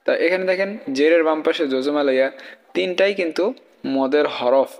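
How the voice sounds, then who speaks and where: A man's voice: on the high side, brisk, gravelly, long reverb tail. Patient male Quran reading teacher. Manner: patient, stepwise, asks rhetorical check questions. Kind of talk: spelling out and reciting verses for learners.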